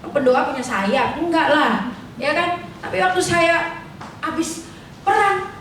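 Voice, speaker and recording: Middle-aged woman, informal chatty sermon, fairly high voice, booming hall echo, distant mic. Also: slow pace, a bit bright, slight background noise. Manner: chatty, colloquial, asks the congregation questions. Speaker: preacher at a prayer fellowship service. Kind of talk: informal sermon with personal testimony. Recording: echoey hall, voice picked up from afar.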